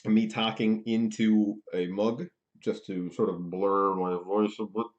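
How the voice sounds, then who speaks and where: A man's voice: fairly low pitch, flat delivery, unhurried. Man talking into a mug, muffled. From Canada. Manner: rambling, self-mocking asides. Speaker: math teacher. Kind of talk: casual online lesson, livestream.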